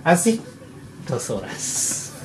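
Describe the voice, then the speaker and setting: A man whose first language is Japanese, showing how to cook at home in halting, broken Spanish and often stopping to search for words. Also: on the high side, huge pitch swings, a crowd in the background. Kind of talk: casual cooking demonstration. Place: home kitchen. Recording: noisy home recording.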